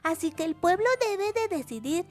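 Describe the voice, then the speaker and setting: Very high, sing-song woman teaching children. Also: lively intonation, moderate pace, faint music behind. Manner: repeats words for emphasis, chatty explanations. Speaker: educational video channel host. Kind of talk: simple history lesson addressed to children.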